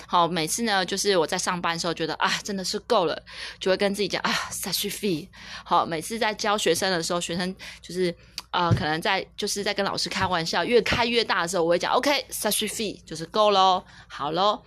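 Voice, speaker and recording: A mother who teaches French, gently coaxing her young daughter through a casual lesson and slowly repeating each word, mixing in English phrases. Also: lowish voice. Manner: patient, coaxing, repeats words slowly and clearly; switches between Chinese, French and English.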